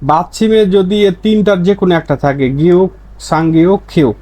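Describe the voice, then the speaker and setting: A man's voice: high-pitched, fairly quick, dark tone. A man teaching a pronunciation lesson, patiently repeating examples and answering his own questions. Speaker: language teacher.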